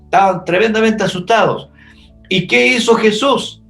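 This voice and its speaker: A man's voice: sits high, moderate pace, creaky, fairly bright tone, faint music behind. A man, a pastor teaching a Bible study class, telling the story vividly as he imagines the scenes.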